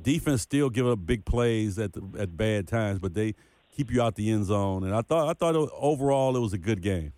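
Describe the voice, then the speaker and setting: A man's voice: on the low side, animated, moderate pace, dark tone, no echo. A man co-hosting a casual sports podcast, talking football in an emphatic way and repeating points for effect. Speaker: podcast co-host.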